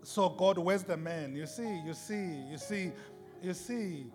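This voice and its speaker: Unhurried and high-pitched, a man delivers a fervent sermon full of emphatic, repetitive rhetoric. It's recorded in a spacious, echoing worship space, with music audible behind the reverb.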